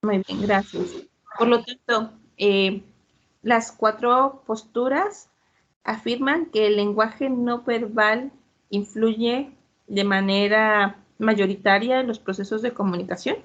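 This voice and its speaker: A woman moderating an online debate, explaining in a measured way with frequent fillers. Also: a little high, a bit bright, highs cut off.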